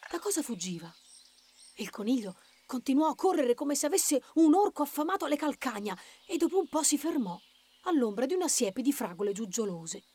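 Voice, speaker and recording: A woman reading a children's story aloud in a lively, expressive way, doing the characters' voices. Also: high-pitched, fairly quick, slight background noise.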